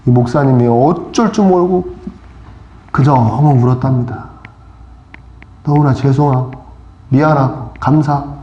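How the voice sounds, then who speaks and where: A man's voice: mid-range voice, moderate pace, long pauses, mellow, dull audio. A male pastor preaching a sermon, telling a story and asking the congregation questions. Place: church. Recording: echoey church hall.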